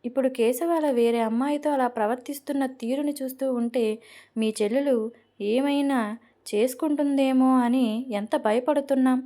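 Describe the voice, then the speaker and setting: A woman reading an angry middle-aged father in a storybook drama, bitter and pleading by turns. The tone stays soft and fairly high. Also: steady tone, moderate pace, lightly acted.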